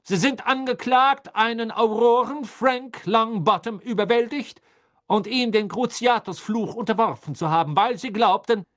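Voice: mid-range voice, moderate pace, pitched above the performer's own voice, close to an everyday voice. Crouch, a reader doing a barking stern judge. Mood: stern, furious. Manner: loud, barking, clear-voiced. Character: stern, hate-filled father presiding as a judge. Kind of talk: dramatic audiobook reading.

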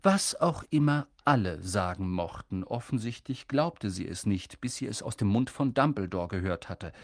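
A man narrating a fantasy audiobook with expressive, storytelling delivery. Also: on the low side, normal speed, no echo, studio quality. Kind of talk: scripted narration.

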